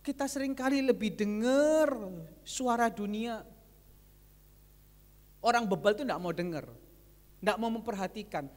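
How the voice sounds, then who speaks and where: Male pastor, lively sermon delivery with retold dialogue, recorded in a large church hall with long echo. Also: high voice, moderate pace, long pauses. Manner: lively preaching that switches between retold dialogue and addressing the congregation.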